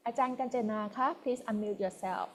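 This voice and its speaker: A woman's voice: mid-range voice, very fast, a little mellow, slight background noise. A woman with a Thai accent hosting introductions on a video call, switching politely between English and Thai. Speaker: online workshop moderator.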